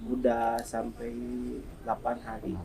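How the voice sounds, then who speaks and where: A man's voice: mid-range voice, sing-song, a little slow, gravelly, warm tone, rough recording. A man who works as an ambulance driver and relief volunteer, telling earnest stories in a podcast interview with many hesitations.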